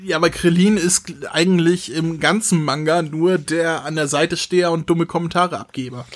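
A man's voice: fairly high pitch, fairly even intonation, moderate pace. A man co-hosting a podcast, chatting casually about manga and laughing often. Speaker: podcast co-host. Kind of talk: casual chat reviewing manga.

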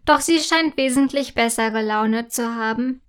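A woman narrating a children's story in a gentle, clearly articulated way. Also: fairly high pitch, measured pace.

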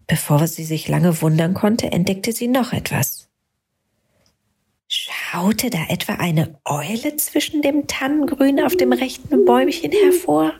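A woman narrating a bedtime story for children in a soft, often half-whispered voice. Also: medium pitch, breathy edge.

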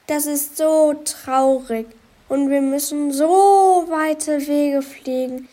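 A woman voicing a small, soaked, timid female bee in a children's storybook, with a high, soft, sniffling voice. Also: fairly even intonation, takes it slowly. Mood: sad. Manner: sniffling, downcast.

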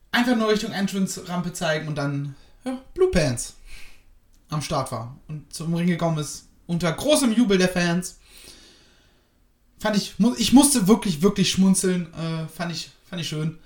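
A man's voice: fairly high pitch, reverberant. A man giving a casual spoken review of a wrestling show, hesitant and rambling with many fillers.

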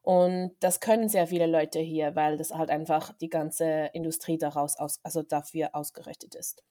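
A woman's voice: low-pitched, steady tone, normal speed, dark tone. A young woman, a film director chatting as a guest on a podcast, thoughtful and hesitant with many fillers. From Switzerland. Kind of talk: casual interview chat.

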